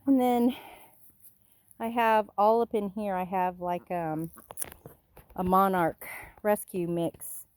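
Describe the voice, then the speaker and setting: A woman's voice: mid-range voice, steady tone, slow pace, pauses often, a little mellow, clean tone, no echo. A woman giving a casual walking tour of her garden, chatty and a bit out of breath, recorded outdoors on a handheld phone. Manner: chatty, pointing things out while walking outdoors. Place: outdoors in a rural yard.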